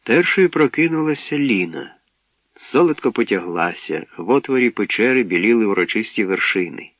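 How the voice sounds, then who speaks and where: A man narrating an audiobook in a calm, measured storytelling manner, on a dull lo-fi radio recording. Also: fairly low pitch, no echo.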